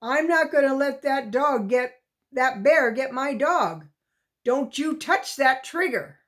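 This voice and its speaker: A woman's voice: high-pitched, animated, slow pace, a bit bright, voice pushed up, full character voice. A woman voicing a determined young mountain boy in a storybook reading, urgent and commanding.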